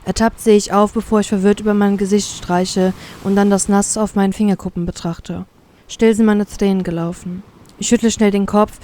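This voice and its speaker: A woman narrating a first-person fanfiction story in a calm, even storytelling manner. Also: medium pitch. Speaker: reader.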